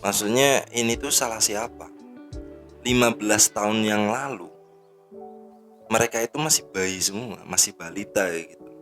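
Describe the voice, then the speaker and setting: A man's voice: lowish voice, moderate pace, long pauses, a bit bright, faint music behind. A man in his thirties hosting a casual commentary on news, indignant and rambling with fillers. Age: 30s. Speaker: host.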